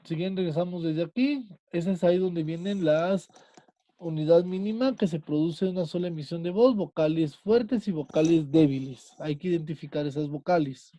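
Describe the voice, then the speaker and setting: A patient teacher leads an online class, slowing and stretching words to explain. His voice is very dark and mellow, recorded dry and close on a computer mic. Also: on the high side, no room sound.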